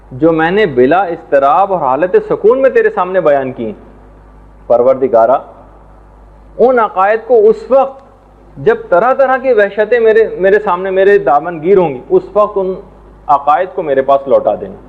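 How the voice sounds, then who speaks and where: A man teaching a religious lesson in a measured, explanatory way, now and then reciting Arabic prayers and verses. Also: fairly high pitch, animated. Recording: tinny phone-like sound.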